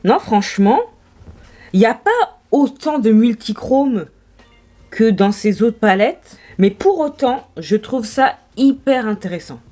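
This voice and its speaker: A woman's voice: a little high, very animated, slow, warm tone. Gushing young French woman swatching makeup. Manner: gushing, exclamatory, marvelling aloud. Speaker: beauty vlogger. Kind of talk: casual makeup swatch commentary.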